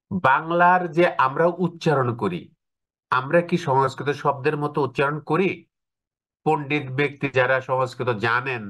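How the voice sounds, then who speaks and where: A man with a medium-pitched, slightly bright voice teaches an online class. He explains using rhetorical questions aimed at his students, checking with them often.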